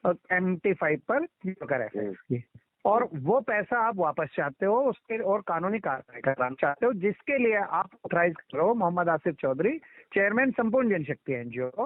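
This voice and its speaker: This phone call recording is muffled and band-limited, carrying a man's high, very animated voice at normal speed with no room sound. He keeps explaining a procedure insistently, repeating instructions and cutting across the other speakers.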